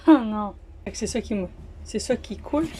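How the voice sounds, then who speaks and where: A woman with a Quebec French accent chatting excitedly and laughing aboard a sailboat at the dock. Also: medium pitch, fairly quick, a little hiss or hum. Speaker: sailing vlog co-host. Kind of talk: casual chat on a boat.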